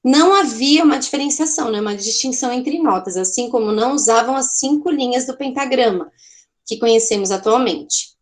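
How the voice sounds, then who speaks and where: Woman, Brazilian Portuguese accent, art teacher, fairly high voice, chatty lecture, checks in often. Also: fairly quick. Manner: chatty, explanatory, frequent "tá?" checks, self-corrections. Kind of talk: online art class lecture.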